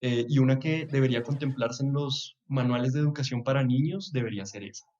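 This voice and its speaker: A man's voice: medium pitch, fairly quick, dull audio. A young man from Bogotá with a Bogotá Colombian accent, a podcast guest chatting in a reflective way and chuckling now and then. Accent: Bogotá Colombian Spanish. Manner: reflective, chuckles often, trails off with soft asides. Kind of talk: casual chat.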